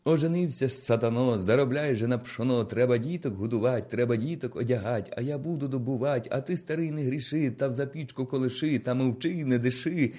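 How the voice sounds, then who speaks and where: A man's voice: mid-range voice, brisk, hardly any pauses, warm tone, pitched above the performer's own voice, lightly acted. A man voicing a blind old minstrel who chants a rhythmic, bawdy folk dance song. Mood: jaunty.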